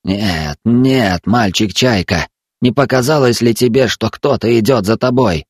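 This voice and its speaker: A man voicing a frightened old island elder, hoarse and urgent, giving orders in raised shouts. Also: medium pitch, a little slow, no room sound, clean studio sound.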